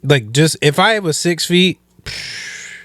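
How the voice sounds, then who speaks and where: A man's voice: lowish voice, normal speed, no room sound, clean studio sound. A man hosting a podcast, talking in an easygoing way with rambling asides. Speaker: podcast host. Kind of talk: casual chat.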